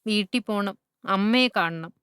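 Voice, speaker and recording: A woman's voice: mid-range voice, measured pace, a bit bright, clean tone, dry recording, clean studio sound, voice pushed up, lightly acted. A woman voicing a tearful, homesick young boy in a spoken storybook, in a plaintive raised voice.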